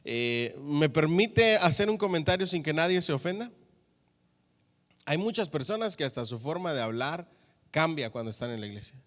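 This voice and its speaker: A man's voice: a little high, sing-song, moderate pace, a bit bright, big-room sound. A male pastor preaching a sermon to his congregation. He often stops to check in with them through questions. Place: church.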